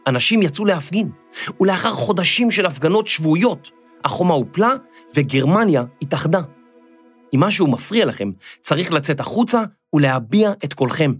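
A man's voice: a little high, animated, slightly rough, soft background music. A man voicing a patient woman teacher explaining to her class in a children's storybook.

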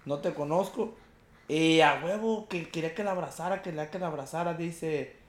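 A young man with a Mexican Spanish accent, telling an animated, slang-heavy story in casual chat and acting out the quotes. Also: fairly high pitch, brisk, roomy sound.

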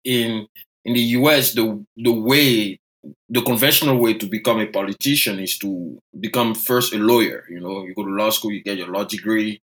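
The guest in this podcast interview is an economist in his thirties, a man from Côte d'Ivoire who speaks French natively. Heard through a rough recording, his fairly low, slightly bright voice moves at normal speed as he reflects on his own story with self-deprecation.

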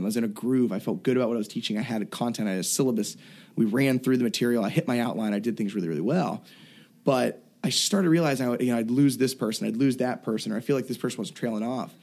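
A man's voice: mid-range voice, vocal fry, a little mellow. A man, a self-defense and fitness coach, talking bluntly and emphatically in a casual interview, swearing freely and restarting his thoughts. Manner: blunt and profane, emphatic, thinks aloud with restarts.

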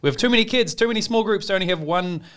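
A man's voice: high-pitched, rapid-fire, a bit bright. A man from New Zealand with a New Zealand accent, hosting a casual church podcast in an upbeat, joking way and keeping the agenda moving. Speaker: podcast host, children's pastor.

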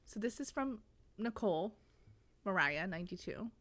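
A woman with a mid-pitched voice chats casually on a book podcast. She talks in a loose, easygoing way with plenty of filler words. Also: normal speed. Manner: relaxed, conversational, many fillers. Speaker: podcast co-host.

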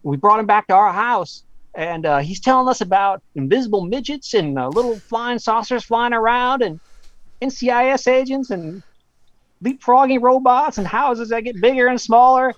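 Man doing an excitable rural stranger. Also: very high-pitched, dry recording, voice pushed up. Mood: incredulous. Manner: rapid, incredulous, rambling questions. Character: excitable rural middle-aged male stranger calling on the phone. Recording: slightly dull lo-fi audio.

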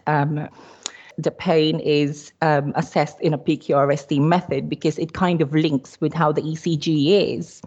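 A Filipino woman with a low, deep-set voice walks listeners through her material as a cardiology nurse, pausing often with little ums. The sound is dull and lo-fi, as if the recording lost its top end. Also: a little mellow. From Philippines. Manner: explanatory, hesitant with frequent ums. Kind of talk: podcast discussion presentation. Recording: dull lo-fi audio.

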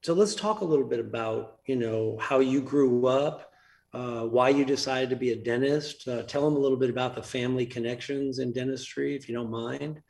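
A man's voice: mid-range voice, moderate pace, vocal fry, darkish tone. A man hosting a casual interview, friendly and rambling, with lots of fillers and restarts. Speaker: podcast host and business coach.

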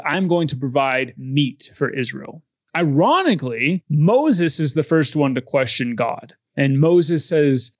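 A man's voice: mid-range voice, dry recording. A man co-hosting a casual Bible discussion podcast, animatedly retelling passages and acting out quoted lines. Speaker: podcast co-host.

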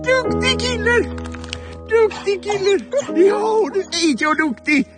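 A man talking to his dog, moving between high sing-song praise and gruff scolding, with loud music playing behind. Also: expressive. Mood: doting. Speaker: dog owner.

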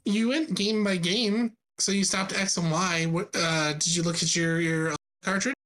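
A podcast co-host chatting casually at a middle pitch. The delivery is playful and stop-start, with frequent false starts. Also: steady tone, unhurried, a bit bright. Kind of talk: casual chat.

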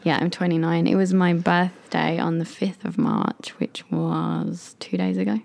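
Gravelly-voiced woman in her twenties. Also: lowish voice, a little slow, a little mellow. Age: 20s. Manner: chatty, reflective, laughs often. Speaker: podcast co-host. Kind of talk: casual podcast chat.

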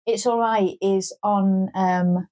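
A woman's voice: mid-range voice, steady tone, takes it slowly, warm tone. A woman co-hosting a podcast in a casual chat, playful and self-mocking. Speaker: podcast co-host.

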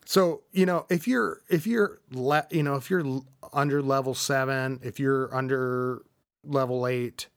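A man's voice: mid-range voice, measured pace, creaky, no room sound, studio quality. A man hosting a casual podcast, rambling with lots of fillers and restarts. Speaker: podcast host.

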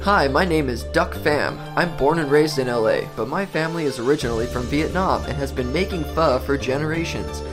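A man's voice: on the high side, brisk, hardly any pauses, music in the background, close to an everyday voice. A man playing a cheerful young restaurant owner, reading a mock radio advert in an upbeat, salesy way. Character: cheerful young male restaurant owner pitching his shop. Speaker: ad spokesman.

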